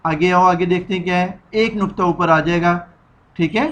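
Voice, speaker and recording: A man's voice: high voice, steady tone, moderate pace, fairly bright tone. A man with a Pakistani Urdu accent teaching children the alphabet, patiently repeating each sound for them to echo. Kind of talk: children's alphabet lesson, slow drilled repetition.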